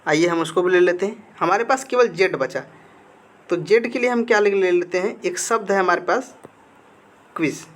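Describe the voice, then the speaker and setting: A man's voice: high-pitched, moderate pace, a bit bright. A male grammar teacher giving a slide lesson. He keeps asking the students questions and answers them himself, repeating key words. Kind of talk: classroom-style lesson with slides.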